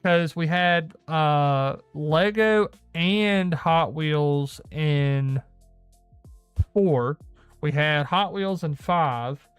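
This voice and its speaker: A man's voice: a little high, drawn-out words, clean tone, no room sound, soft background music. A man hosting a casual gaming news show, rambling and correcting himself as he goes. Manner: rambling, self-correcting, laughs often. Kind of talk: casual solo gaming chat.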